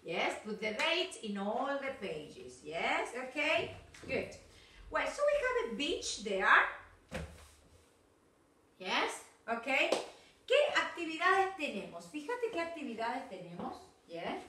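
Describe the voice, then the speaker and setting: A woman English teacher with an Argentine accent, giving a recorded class for children and drilling words slowly and with exaggeration, switching to Spanish to explain. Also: high-pitched, big pitch swings, heavy reverb, far from the mic, background noise.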